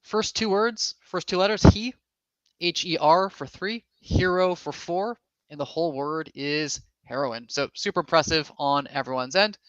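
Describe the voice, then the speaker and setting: A man's voice: a little high, unhurried, no echo. An upbeat man with a slightly raised voice hosts an online event over a video call. He talks casually and with enthusiasm to his audience. The sound is dry and a little dull. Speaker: co-host of an online summit, lawyer.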